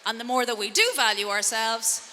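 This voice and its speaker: A woman's voice: a little high, fairly even intonation, a little fast, bright, forceful tone. A middle-aged woman with a west of Ireland accent gives a conversational motivational talk to a live audience, using rhetorical questions and wry asides about herself. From Connemara, Galway, west of Ireland. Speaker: transformative coach and speaker. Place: indoor event room before an audience. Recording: reverberant hall, clear background noise.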